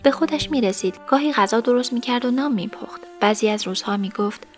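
Female narrator for a serialized story, measured and even, faint music underneath. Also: a little high.

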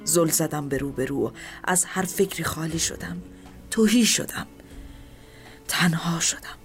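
A woman telling a first-person story in a subdued, grieving manner, at times dropping to a whisper. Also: low-pitched. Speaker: narrator. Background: soft background music.

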